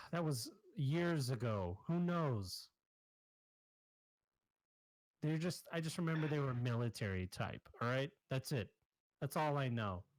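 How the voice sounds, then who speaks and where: A man's voice: mid-range voice, lively intonation, normal speed, no room sound, close to an everyday voice, low-quality recording. Man voicing a jittery shady arms dealer. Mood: defensive. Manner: defensive, pleading, evasive.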